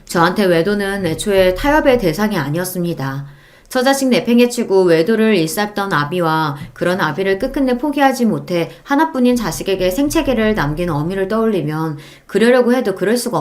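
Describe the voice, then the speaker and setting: A woman narrating a first-person audiobook story in an indignant, emphatic tone. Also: mid-range voice.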